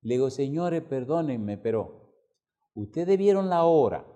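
A man's voice: mid-range voice, very animated, a little slow, mellow, muffled recording. A man preaching a sermon, asking the congregation questions and telling a funny story. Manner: asks the congregation questions and tells stories with humor. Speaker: pastor.

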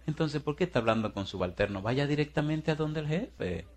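A man's voice: expressive, a little fast. A man preaching a sermon as pastor, firing rhetorical questions at the congregation in a folksy, teasing way. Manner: swings between booming and hushed.

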